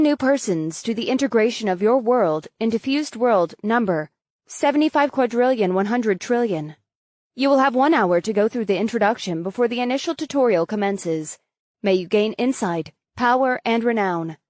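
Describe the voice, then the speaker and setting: A woman's voice: fairly high pitch, animated, moderate pace, darkish tone, no room sound, studio quality, lightly acted. A woman voicing a cold, mechanical female system announcer in an audiobook, speaking in a formal announcing manner. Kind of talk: audiobook character voice.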